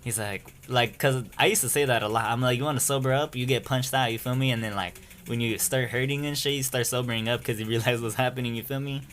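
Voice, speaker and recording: A young man rambles through a story-time tale full of slang and cursing. His voice sits at an ordinary middle pitch. He keeps checking in with his listeners as he talks. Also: fairly even intonation, fast talker, hardly any pauses, fairly bright tone, slight background noise. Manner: rambling, slangy and profane, keeps saying "you feel me". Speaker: storyteller vlogger.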